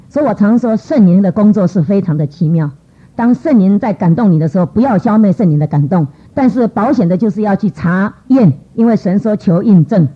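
In a storytelling church testimony, a middle-aged woman with a slightly rough voice performs what others said, her pitch leaping between characters. It's a lively delivery captured on a dull, lo-fi recording.

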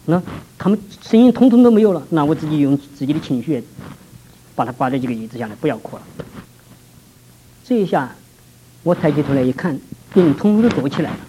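A man preaching a personal testimony, telling his story vividly and swinging between hushed and raised passages. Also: a little high, very animated, quick pace, long pauses, background noise. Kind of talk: testimony sermon.

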